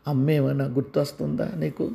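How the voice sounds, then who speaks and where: A man's voice: mid-range voice, level tone, fairly quick, creaky, dark tone. A man voicing an anxious father who coaxes and presses his sick son, urgent and raised. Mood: coaxing.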